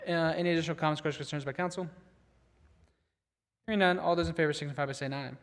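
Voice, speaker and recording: A man's voice: fairly high pitch, fairly even intonation, fairly bright tone. A man presiding over a city council meeting, rattling off formal procedural statements in a council chamber. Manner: rapid, rattled-off formal reading. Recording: long reverb of a large chamber.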